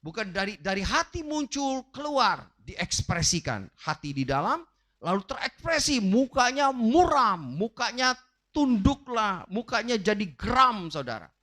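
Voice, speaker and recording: A man's voice: high voice, big pitch swings, unhurried, pushed and bright. A man preaching a sermon with an emphatic, rising and falling delivery, often turning directly to his congregation. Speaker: pastor. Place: church livestream.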